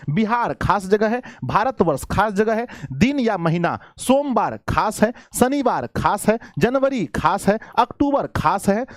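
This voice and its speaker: A man's voice: high voice, no room sound, clean studio sound. A man, teaching a grammar lesson to students. He calls them his children, asks questions and answers them himself, and repeats every point. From Bihar, India. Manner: repeats each point, with rising emphasis on examples.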